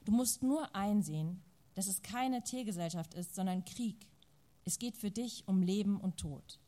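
A woman reading the lines of a fierce adult friend who urges her forcefully and insistently. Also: mid-range voice, a little slow, close to an everyday voice. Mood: urgent, firm.

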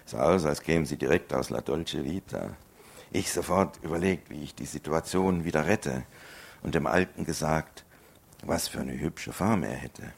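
A man's voice: very deep voice, normal speed. A man performing rhymed songs and a spoken story with a rhythmic delivery. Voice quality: gravelly.

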